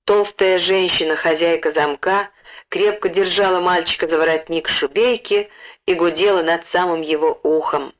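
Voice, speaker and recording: A woman narrating a story in a lively, expressive way, acting out the dialogue. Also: fairly low pitch, normal speed. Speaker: audiobook narrator. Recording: dull lo-fi recording.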